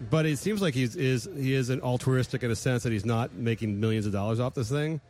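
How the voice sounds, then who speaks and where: Fast-talking man in casual banter. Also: medium pitch. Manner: rapid, animated, laughs often. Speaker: podcast co-host. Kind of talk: casual comedic chat.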